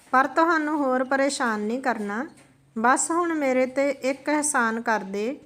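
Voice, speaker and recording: A woman voicing a gentle, long-suffering old grandmother who speaks tenderly, in a slightly higher voice than most women.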